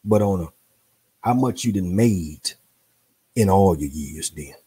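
A male host who reads from a book and riffs on it in loose slang, preachy and playful, repeating himself and exclaiming. His voice is mellow and slightly husky, and he takes his time, with pitch swooping widely. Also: lively intonation, takes it slowly. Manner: speaks in informal slang. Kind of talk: reading a book aloud with commentary.

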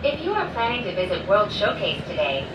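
A woman ride announcer giving a polished, lilting scripted announcement, played over a cabin loudspeaker. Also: mid-range voice, sing-song, brisk, highs cut off. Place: inside a moving gondola cabin. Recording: echoey, distant speaker with loud ride noise.

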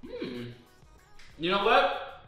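A man with a bright, ringing voice talks with a mouthful, chewing as he goes. His pitch swings widely as he playfully hypes the food to viewers. The sound is roomy and echoey, with him set back from the mic and light music underneath. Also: wildly swooping pitch, very slow, recorded from a distance. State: chewing while talking. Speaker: co-host of a couples food channel. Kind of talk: casual food-tasting chat to camera.

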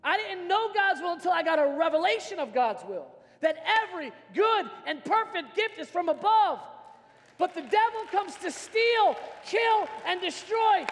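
A middle-aged American pastor speaks with a very high voice, lively intonation, and a measured pace, delivering an emphatic, personal sermon with dramatic leaps from hushed to shouted on a large church stage. Picked up by a worn hands-free microphone, his voice echoes through a reverberant large-hall sound system.

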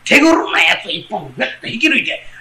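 A man with a Kansai accent telling a comic story on stage, animated and switching quickly between characters. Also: high-pitched, echoey room, low-quality recording. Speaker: rakugo storyteller. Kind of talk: comic storytelling, playing every part.

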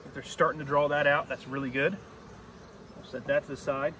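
A man's voice: a little high, flat delivery, brisk, bright, forceful tone, slight background noise. Beekeeper man explaining outdoors, slightly distant. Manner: plain step-by-step explaining while working. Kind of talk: hands-on teaching demonstration. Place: outdoor apiary on a grassy yard. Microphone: camera mic a few steps away. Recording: distant outdoor camera audio.

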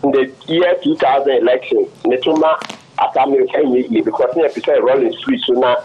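A man's voice: mid-range voice, a little fast, dull audio, a little hiss or hum. A man with a Ghanaian accent, a lawyer guest speaking emphatically on political matters. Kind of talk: political commentary on air.

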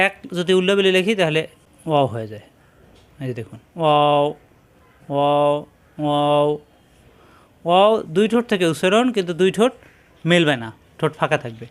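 A man teaching Quran letters, drilling sounds slowly and repeating them for learners to copy. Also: on the high side, smooth. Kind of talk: slow drilled lesson.

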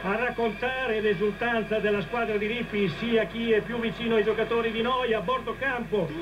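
A male football commentator giving excited, emphatic live radio match commentary. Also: sits high, moderate pace, crowd noise. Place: football stadium commentary position. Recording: dull, noisy radio broadcast feed.

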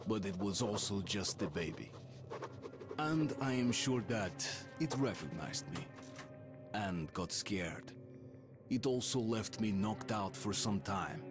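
A brooding soldier narrates a game journal, grave and reflective. His voice is lowish and moves expressively over music. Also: lively intonation, takes it slowly. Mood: somber.

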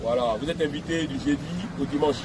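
A man's voice: fairly high pitch, fast, heavy background noise. A man giving an emphatic, repetitive video message outdoors at a beach. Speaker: music personality addressing fans.

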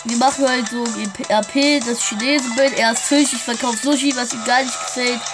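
A woman's voice: fairly high pitch, fairly even intonation, moderate pace, over music. A woman playing a shopkeeper in a casual game roleplay, chatting straight to her viewers. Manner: chatty, keeps addressing viewers.

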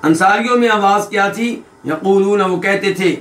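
A high-voiced man gives a hadith lesson, his tone bright and ringing. He keeps asking his listeners quick questions as he explains, and he slows down to recite each quoted line. The recording has a roomy echo. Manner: recites quoted lines slowly, then explains them. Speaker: hadith teacher. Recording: echoey room.

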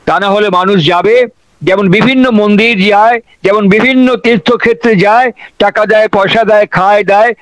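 Guy preaching a sermon, high voice, keeps repeating lines for emphasis, dry sound. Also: dry recording, rough recording. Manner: repetitive, emphatic rhetorical preaching. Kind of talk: devotional sermon.

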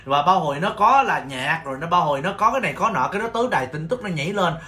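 A man from Vietnam who owns a nail salon, telling stories on his livestream in an animated, exclaiming way with mock-scolding rants. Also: a little high, very fast. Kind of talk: casual storytelling livestream.

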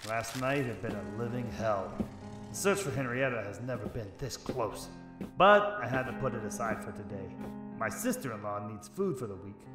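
On a close studio headset mic, a man plays a stubborn, wry, hard-boiled 1940s private detective, a gruff-uncle type, in a noir radio drama. His voice sits on the low side with lively intonation and a moderate pace, lightly acted, delivering brooding narration in terse, slangy tough talk. The sound is reverberant and runs over music.

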